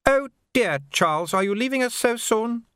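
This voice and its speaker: A gracious society lady in a raised, lilting voice, as a male narrator puts her on. She is smooth and quietly commanding, with a sly edge under the charm. The pitch moves freely and the sound is dry. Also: lively intonation, normal speed, dry recording. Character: poised scheming older woman hostess.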